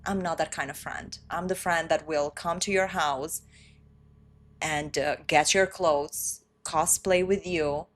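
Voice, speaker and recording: Female stream co-host, low-pitched, unhurried casual chatter. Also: steady tone. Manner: slow, chatty, slangy. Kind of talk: casual live-stream chat.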